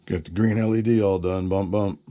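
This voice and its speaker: A man's voice: sits low, fairly even intonation, fairly quick, mellow. A man casually narrating a demo of a CB radio he built, slangy and upbeat. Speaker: CB radio builder.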